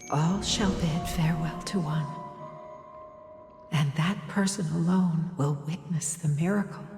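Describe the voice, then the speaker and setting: A very low, slow woman's voice in heavy echo over clear music, a solemn otherworldly mother from a game. She is grave and ceremonial, yet tender. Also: a little mellow. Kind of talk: video game voice acting. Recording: echoing long reverb, music clearly behind.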